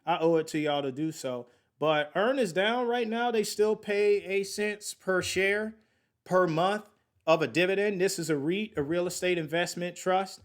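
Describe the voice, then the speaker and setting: A man in his late thirties hosts a laid-back podcast about investing. His voice sits somewhat higher than most men's, and he talks to his listeners in a chatty, slangy way. He keeps working out the numbers aloud as he goes. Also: unhurried. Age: late 30s. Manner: chatty, thinks aloud while working sums; slangy, addresses listeners as y'all. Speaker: podcast host. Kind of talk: casual investing talk.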